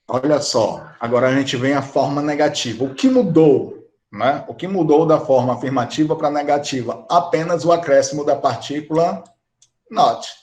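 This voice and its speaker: A man's voice: a little high, moderate pace, a little mellow, echoey room. A man with a Brazilian Portuguese accent teaching an English grammar lesson, explaining each rule step by step and often checking in with the class. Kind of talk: recorded online grammar lesson.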